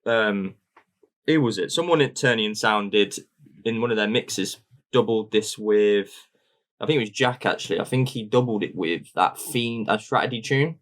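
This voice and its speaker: A man's voice: fairly low pitch, normal speed, a bit bright. A young man co-hosting a podcast in easygoing, enthusiastic casual chat. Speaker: podcast co-host.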